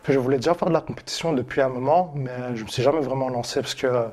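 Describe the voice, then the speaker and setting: Un homme d'une vingtaine d'années qui parle simplement en interview, entre nombreuses pauses et hésitations. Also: male voice, mid-range voice. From Philippines. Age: 20s. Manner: relaxed, many hesitations. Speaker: amateur boxer.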